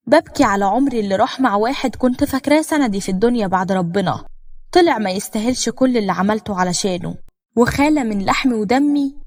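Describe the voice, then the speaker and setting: A woman with an Egyptian Arabic accent narrating a scripted first-person story in an emotional, dramatic way. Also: a little high.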